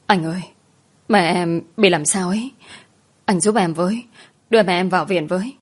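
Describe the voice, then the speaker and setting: A woman's voice: on the low side, moderate pace, husky. A woman voicing a frightened young woman who pleads tearfully for her sick mother. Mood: pleading.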